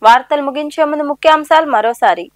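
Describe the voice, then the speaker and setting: A woman with a Telugu accent reads the news in a high, quick, formal voice. Music runs clearly underneath her the whole time. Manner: brisk, formal bulletin delivery. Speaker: news anchor. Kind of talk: scripted news reading.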